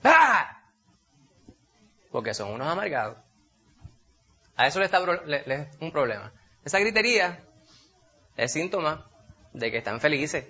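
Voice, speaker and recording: A man preaching a sermon, animated, asking rhetorical questions and calling his listeners brother. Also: a little high, moderate pace, pauses often, husky. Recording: dull lo-fi recording.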